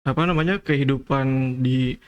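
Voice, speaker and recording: Clear-voiced young man, relaxed guest. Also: mid-range voice, moderate pace, lo-fi sound. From Tasikmalaya, Indonesia. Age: young adult. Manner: relaxed, hesitant, many fillers and "kayak gitu". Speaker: podcast guest, former student abroad. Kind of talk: casual podcast interview.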